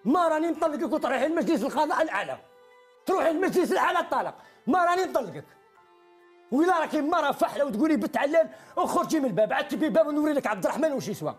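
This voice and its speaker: A man's voice: very high-pitched, sing-song, racing, faint music behind. A man with an Algerian Arabic accent, crying and pleading agitatedly with his wife on a television show, swearing oaths as he speaks. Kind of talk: emotional TV confession.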